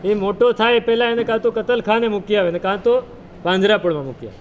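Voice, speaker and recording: A man's voice: sits high, fast talker, slight background noise. A man preaching a sermon, retelling a scripture story with rhetorical questions and chanted verses.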